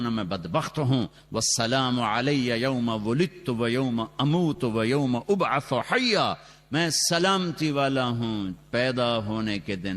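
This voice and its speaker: A man preaching a sermon and telling the story dramatically, his voice rising loudly, with Quranic Arabic chanted slowly. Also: mid-range voice, slight background noise. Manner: dramatic storytelling with sudden loud rises and quick asides. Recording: long reverb from a large hall, on a loudspeaker.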